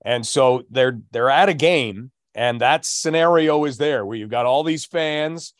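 A man's voice: medium pitch, measured pace, no echo, studio quality. A man co-hosting a hockey podcast, recounting games and anecdotes in a casual, storytelling way. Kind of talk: casual sports chat.

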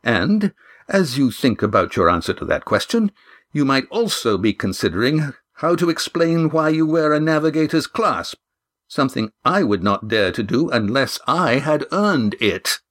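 A man narrator voicing a haughty man whose formal politeness is edged with insult, speaking deliberately in an audiobook. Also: on the low side, expressive, fairly bright tone. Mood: coldly polite.

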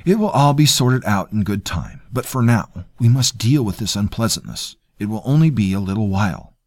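A man voicing an officious, sneering nobleman who speaks in a smooth, condescending way. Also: on the low side, animated, moderate pace, darkish tone, no echo, voice pushed up.

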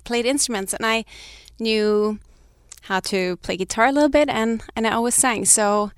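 Recorded in clean studio sound with no room sound, this fashion brand founder speaks in a smooth, somewhat high voice at normal speed. She's in her thirties, grew up in Sweden with Danish or Swedish as her first language, and answers reflectively, frequently restarting and laughing lightly.

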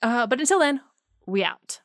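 A woman's voice: a little high, lively intonation, normal speed, no echo, studio quality. A woman hosting a true crime podcast, talking bluntly and with a lot of passion, and cursing freely. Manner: blunt, profane and impassioned. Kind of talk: podcast sign-off and personal rant.

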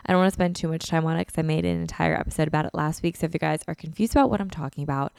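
Her low, gravelly, darkish voice moves very fast with lively intonation as this congested woman in her twenties chats through her casual solo podcast, dropping "like" and "um" constantly. She's indoors in a beach house living room, recording at home on a podcast mic. The tone is clean, with no room sound and a clean studio feel.

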